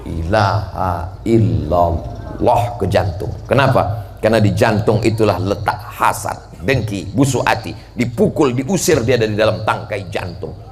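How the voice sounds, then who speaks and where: A man preaching a dawn sermon in a mosque, lively and joking, who bursts into shouts and draws out chanted Arabic phrases. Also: fairly low pitch. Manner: animated, jumps to shouting, playful jokes, drawn-out chanted Arabic.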